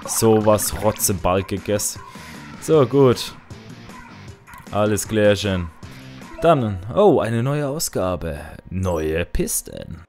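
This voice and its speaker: A man with a fairly low voice narrates his own gameplay in a loose, casual way. He grumbles about his weapons, then jumps into loud, high outbursts at kills and deaths. Faint game music plays behind him. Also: big pitch swings, extremely slow. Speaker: gaming let's player.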